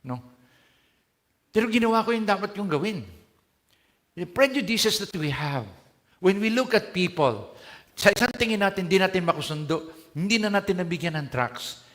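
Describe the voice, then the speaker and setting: A man's voice: a little high, lively intonation, normal speed, pauses often, fairly bright tone. A man with a Filipino accent preaching a sermon, moving between Tagalog and English and putting questions to his congregation. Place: church hall. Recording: long church hall reverb.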